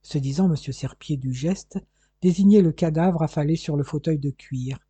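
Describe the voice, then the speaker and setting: An audiobook narrator reading a detective novel aloud in a steady storytelling manner. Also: medium pitch, moderate pace, husky, dry recording.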